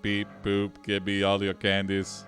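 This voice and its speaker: A man putting on a robot voice, a menacing male robot demanding candy in a flat, slow, mechanical way. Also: fairly low pitch, faint music behind, voice pushed down. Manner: flat, slow robotic delivery with "beep boop" sounds. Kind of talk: improvised comedy voice during a text adventure game.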